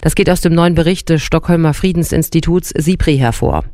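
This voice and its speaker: Crisp, higher-pitched male newsreader. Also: brisk, a little mellow, dry recording, clean studio sound. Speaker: radio newsreader. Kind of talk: scripted news reading.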